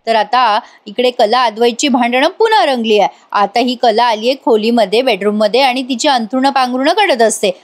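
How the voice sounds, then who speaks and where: A woman's voice: fairly high pitch, fairly quick, hardly any pauses. A woman narrating a casual, chatty recap of a TV serial episode as a voice-over, talking straight to viewers. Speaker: TV serial reviewer.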